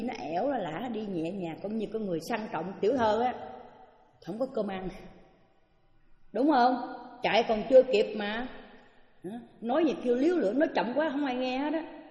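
An older woman, a Buddhist teacher giving an anecdotal dharma talk, acting out the voices of the people in her stories. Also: medium pitch. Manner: animated storytelling, acts out quoted speech. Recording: echoey hall, dull lo-fi sound.

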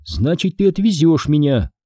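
A woman's voice: deep voice, sing-song, moderate pace, mellow, husky, no room sound, studio quality, pitched above the performer's own voice, exaggerated voice. A man reading a novel aloud and voicing a frightened, stubborn young woman in a raised, tense voice. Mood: firm. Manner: tense, breathless, insistent.

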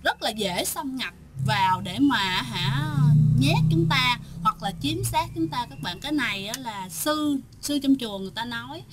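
A woman's voice: a little high, animated, moderate pace, few pauses, heavy background noise. A woman telling a ghost story in a casual, chatty way, often turning to speak straight to her listeners.

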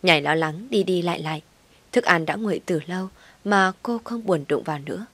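A woman narrating a family drama story in expressive audiobook style. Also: fairly low pitch, a little fast, no echo.

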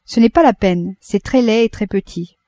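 A woman's voice: mid-range voice, moderate pace, warm tone, no echo, close to an everyday voice. A woman voicing a bitter young male doctor who gives clipped, curt replies, in an audiobook reading.

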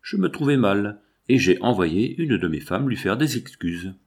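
A man's voice: fairly low pitch, animated, moderate pace. A man voicing a sad, troubled young noblewoman who answers her husband in subdued replies, in an audiobook reading.

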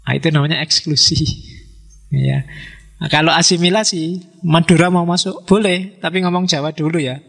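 A man's voice: a little high, moderate pace, creaky, long pauses. Man lecturing in a reverberant hall. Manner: relaxed, conversational, poses questions to listeners. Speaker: philosophy lecturer. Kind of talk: casual lecture to an audience.

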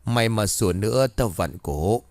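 A man voicing the ghost of a male soldier who possesses a girl, gruff in threats and humble in pleading. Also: fairly low pitch, expressive, normal speed, a little mellow, dry recording, studio quality. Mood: threatening. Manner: rough threats turning to begging.

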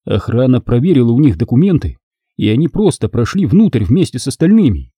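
A man's voice: mid-range voice, big pitch swings, a little fast, dark tone, breathy edge, dry recording. A man reading an audiobook aloud as narrator, telling the story expressively. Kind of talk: scripted narration.

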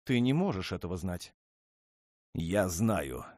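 A man voicing a proud, hot-tempered young dragon princess in an audiobook, with loud, shrill outbursts. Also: sing-song, slow, no echo, studio quality, exaggerated voice. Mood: outraged. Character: haughty, furious young dragon princess, female.

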